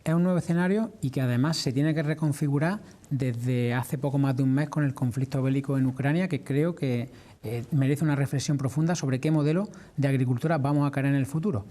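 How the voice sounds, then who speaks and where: Male interviewee, Andalusian accent, farming spokesman. Mellow mid-pitched voice, measured and explanatory. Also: fairly even intonation. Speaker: farmers' organisation representative being interviewed. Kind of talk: formal broadcast interview answers.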